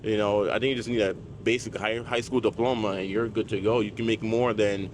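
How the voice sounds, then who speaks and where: A man with a fairly low voice speaks casually to viewers, like a salesman sharing advice. He is conversational and repeats his points for emphasis. There is faint outdoor noise of machinery and vehicles behind him. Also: steady tone, a little fast. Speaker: car salesman vlogger. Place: outdoors at a car dealership. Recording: noisy outdoor lot, vehicle and dryer noise. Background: loud dryer and passing cars.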